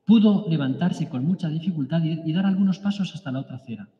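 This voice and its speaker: A man reading a story of martyrs aloud to a prayer group as preacher, halting and restarting now and then. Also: fairly high pitch, dark tone. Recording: echoey hall, dull lo-fi sound.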